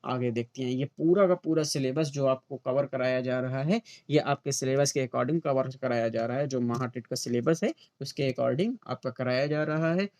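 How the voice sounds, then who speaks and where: A man teaching an online grammar lesson for a teacher exam, asking questions and answering them himself, repeating example words slowly, with an Urdu-inflected accent. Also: mid-range voice, darkish tone, dry recording. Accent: Urdu-inflected Hindustani.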